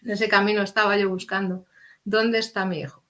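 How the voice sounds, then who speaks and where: A woman's voice: mid-range voice, a little fast. A middle-aged woman, earnestly telling a personal story as an interview guest and acting out the dialogue. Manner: earnest, animated, acts out quoted dialogue.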